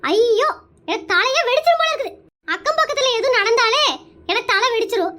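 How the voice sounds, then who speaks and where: A voice actor voicing a bossy, talkative middle-aged aunt in an animated cartoon, scolding and prying. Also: very high-pitched, a little hiss or hum, exaggerated voice. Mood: agitated. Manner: loud, scolding, nosy and fast.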